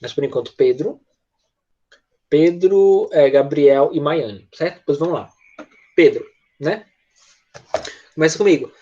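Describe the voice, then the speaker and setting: Patient Brazilian teacher over lo-fi audio. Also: male voice, on the high side, unhurried, long pauses, warm tone. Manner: patient, checks in often with tag questions. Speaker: English teacher. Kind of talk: online class, leading pupils in repetition.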